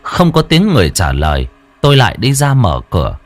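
Male horror narrator, low, very animated delivery, faint music bed. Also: fairly quick, no echo. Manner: dramatic, tense storytelling with wide swings in pitch. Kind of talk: scripted horror story narration. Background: faint background music.

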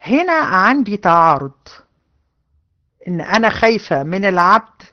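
In a lo-fi recording, a woman teaches a hadith lesson to a class of women in Egyptian-accented speech, her medium-pitched voice sing-song at a normal pace. She is earnest, repeats herself often, and addresses her students directly.

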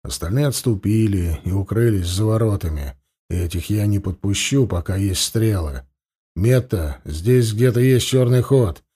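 A man voicing Arii, a calm, practical archer speaking low and level. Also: measured pace, breathy edge. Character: calm grown male archer, matter-of-fact.

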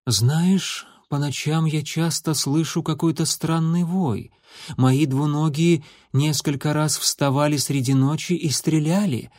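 A man voicing a gentle, chatty female house cat who fusses over her kitten in a storybook reading. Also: on the high side, fairly even intonation, a little slow, no echo, studio quality, lightly acted. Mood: uneasy. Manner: fussing, purring, breathless questions.

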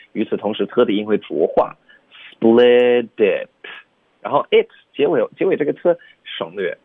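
A man's voice: fairly low pitch, breathy edge, no echo, phone-quality sound. A man co-hosting a radio English lesson, explaining pronunciation step by step and often checking with "OK?". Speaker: English teacher co-host.

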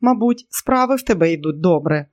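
A man voicing a lively young woman who gushes and calls out loudly. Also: high voice, fairly quick, no echo, clean studio sound. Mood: gushing. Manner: loud calling out.

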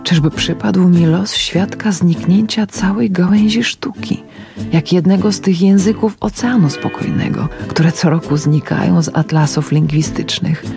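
A woman's voice: lowish voice, creaky. Woman reading literary prose over music. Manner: quiet, reflective, drops to whispers. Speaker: radio reader. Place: radio studio.

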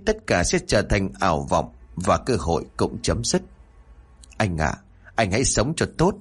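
A sorrowful young woman's ghost speaks here, voiced by a man reading a horror story. Her pleading sounds low and husky, and it rises and falls a lot. She is tender, with the hatred gone out of her.

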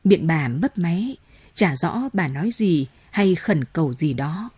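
Woman narrator for a novel audiobook: slow, dark and husky, measured delivery. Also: deep voice, animated, no room sound. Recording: dry close mic, faint music.

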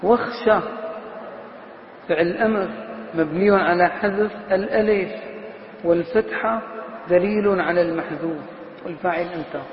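A man teaching a grammar lesson to a class. He drags out example words slowly, chants lines of verse and puts questions to his students. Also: high-pitched. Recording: echoey hall, slightly dull sound, faint noise.

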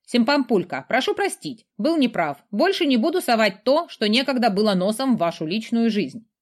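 A woman's voice: on the high side, big pitch swings, normal speed, pitched above the performer's own voice. A woman voicing a brash, teasing male skull familiar who rattles on in an audiobook. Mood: apologetic. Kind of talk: audiobook character voice.

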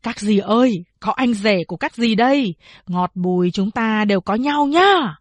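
A woman's voice: medium pitch, expressive, normal speed, no echo, close to an everyday voice. Woman doing a slurring drunk young man. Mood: brash. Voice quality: slurred, drawling.

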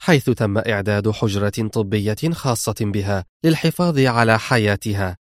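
A man's voice: on the low side, normal speed, no room sound, clean studio sound, close to an everyday voice. A man voicing a smug, cool woman who works as a criminal operative, in an audiobook reading. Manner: smug, irritated.

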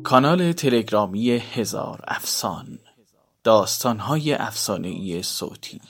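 An announcer slowly reading a channel address, spelling out letters one by one. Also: medium pitch, animated. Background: electronic music.

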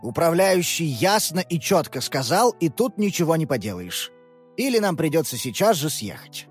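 A woman reading a children's audiobook, voicing a tired, apologetic father in a lowered, subdued tone. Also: very animated, moderate pace, slightly rough, faint music behind, full character voice. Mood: regretful. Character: weary regretful middle-aged father. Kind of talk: audiobook character voice.

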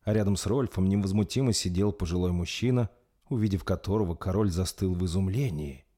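A man reading a dark fantasy story aloud in a steady, dramatic narration. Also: deep voice, brisk. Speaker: audiobook narrator.

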